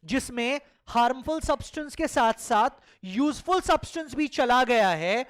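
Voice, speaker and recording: Mixing Hindi and English freely, this biology teacher calls her students children, repeats words to stress them, and constantly asks and answers her own questions during a classroom lecture. Her voice sits high with lively intonation, unhurried and fairly bright.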